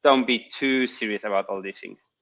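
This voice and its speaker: A man's voice: lowish voice, normal speed, a bit bright. A man speaking as a guest on a video call, giving casual advice in a hesitant way, searching for words. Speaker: guest entrepreneur. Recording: muffled video-call audio.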